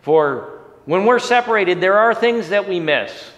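Preaching and praying in a church sanctuary, the pastor, a man in his forties, speaks earnestly with rising and falling emphasis. His voice sits high, animated, a bit bright and a little slow. The lo-fi sound comes from a fixed camera at chest height, with long church hall reverb.

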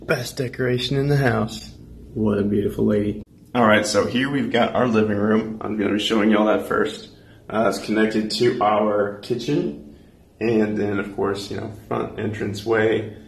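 Speaking at a moderate pace in a lowish, creaky voice with a steady tone, a young American vlogger in his twenties gives a relaxed indoor tour of empty apartment rooms. He talks casually into a handheld phone at arm's length.

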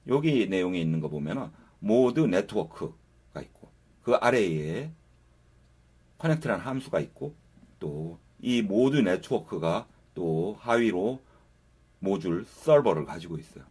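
A man's voice: sits low, animated, measured pace, darkish tone, slightly rough. A man giving a casual, step-by-step coding tutorial over a screen recording, talking viewers through each step. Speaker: programming instructor.

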